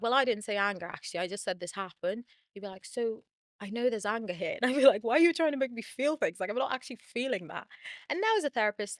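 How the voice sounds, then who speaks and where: A woman's voice: medium pitch, no room sound. Chatty woman therapist, very dry sound. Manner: chatty, quick, laughs often, uses like a lot. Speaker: therapist and channel host. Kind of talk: casual talk to camera.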